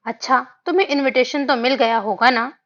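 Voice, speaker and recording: A playful young husband who bickers with his mother , read by a woman. The voice sits fairly high and the audio is dull and lo-fi, like a home-recorded audiobook. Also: brisk, fairly bright tone. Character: young husband, teasing and lively.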